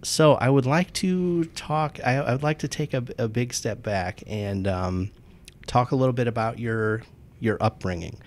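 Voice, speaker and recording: A man's voice: mid-range voice, moderate pace. A man hosting an interview show, asking questions in a conversational way with hesitant restarts, and reading a sponsor message.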